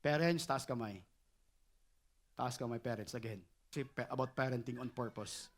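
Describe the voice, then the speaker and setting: A middle-aged man preaching a sermon as pastor, animated and repeatedly asking the congregation if they follow. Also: medium pitch, normal speed.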